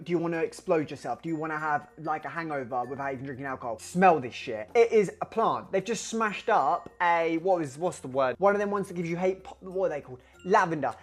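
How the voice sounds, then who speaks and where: A young man chatting casually in a home video, excitable, rambling and sweary. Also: high voice. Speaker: vlogger. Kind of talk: casual vlog chat.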